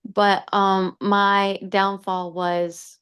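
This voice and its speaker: Hesitant woman with a smooth voice. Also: medium pitch, flat delivery, very slow, a bit bright. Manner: hesitant, with many ums. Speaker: coaching participant. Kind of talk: casual chat.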